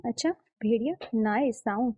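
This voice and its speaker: A woman's voice: on the high side, moderate pace, a little mellow, breathy edge, no echo. Woman reading as a smug, teasing young groom. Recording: slightly muffled lo-fi.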